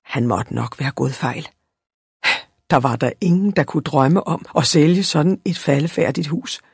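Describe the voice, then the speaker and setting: A storybook narrator with a husky, slightly breathy voice that reads with lively expression. The pitch sits in a middle range. The recording is close and dry. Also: dry recording. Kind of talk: storybook reading.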